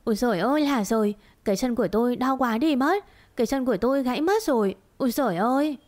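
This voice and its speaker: A woman's voice: on the high side, animated, quick pace, a little mellow, close to an everyday voice. A woman voicing a mischievous young mistress in a storybook reading, wailing theatrically.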